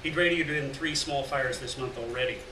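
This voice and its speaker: A middle-aged man gives a live literary reading of scripted story narration in a gallery room, his medium-pitched voice a little fast. He uses a stand mic at a lectern, but the sound is captured by a far-off camera, so it's roomy, distant and noticeably noisy.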